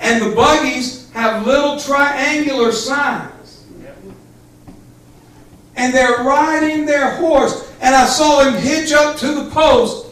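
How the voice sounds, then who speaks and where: A middle-aged pastor preaches a Pentecostal sermon in a very high-pitched, fairly bright voice, steady in tone and slow. He's fervent and emphatic, speaking directly to a small congregation in the church sanctuary. The hall echoes, and the camera sits far off.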